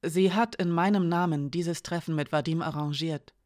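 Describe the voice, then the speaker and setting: A woman narrating a novel in a calm, measured reading voice. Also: deep voice, dry recording, clean studio sound. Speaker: audiobook narrator. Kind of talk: scripted narration.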